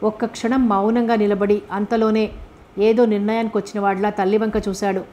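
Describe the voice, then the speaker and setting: A woman narrating a novel in a steady, expressive storybook reading. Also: mid-range voice, brisk, a little hiss or hum. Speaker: audiobook narrator.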